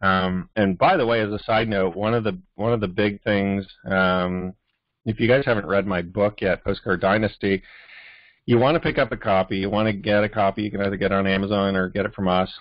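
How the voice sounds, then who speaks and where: A man's voice: lowish voice, steady tone, brisk, dry recording, muffled recording. A man with a Canadian accent hosting a business training call, talking casually with lots of fillers and restarts. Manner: rambling, many fillers and restarts. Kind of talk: casual motivational talk.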